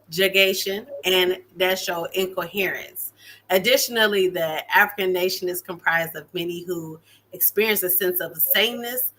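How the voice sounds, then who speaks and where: Bright-voiced woman reading aloud. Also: lowish voice. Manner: steady reading with small slips. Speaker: panelist reading a text aloud.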